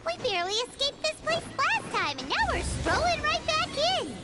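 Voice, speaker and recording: A woman voicing a small, plucky, excitable fairy companion in an anime game dub, childlike and squeaky. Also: moderate pace. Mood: chatty, plucky. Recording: game dialogue under loud music.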